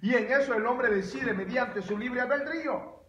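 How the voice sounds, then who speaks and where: A man with a high voice preaches a sermon in a church sanctuary, his words ringing around a roomy, echoey space. He delivers it with animated emphasis and bursts into loud exclamations. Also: normal speed, slight background noise. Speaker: pastor.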